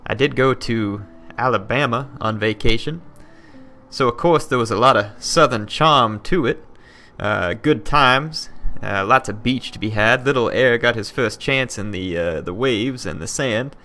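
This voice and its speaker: A man putting on a jovial, exaggerated Southern drawl in a gaming video. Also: measured pace. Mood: hammy. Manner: hammed-up drawl, loud and high.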